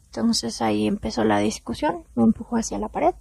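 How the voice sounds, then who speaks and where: A young woman with a Mexican accent speaking candidly to her viewers in a personal storytime, in slangy, confessional talk that drops soft at times. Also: on the high side, brisk, vocal fry, breathy edge, dry recording.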